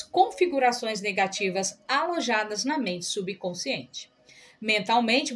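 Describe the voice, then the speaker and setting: A woman reading an audiobook aloud in a calm, measured narration. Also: fairly high pitch.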